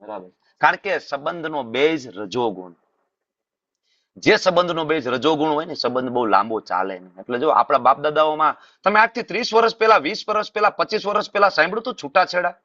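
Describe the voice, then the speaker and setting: A man with a Gujarati accent delivers a scripture-class sermon with a bright, forceful voice. He keeps asking rhetorical questions and repeating key phrases. The sound is dry and slightly muffled. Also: a little high, expressive, brisk, no echo. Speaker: preacher.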